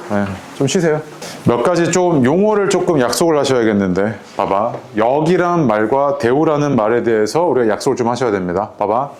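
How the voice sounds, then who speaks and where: Casual Korean math teacher checking in. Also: male voice, mid-range voice, darkish tone, slight background noise. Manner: casual, keeps checking in with students. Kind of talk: lecture to students.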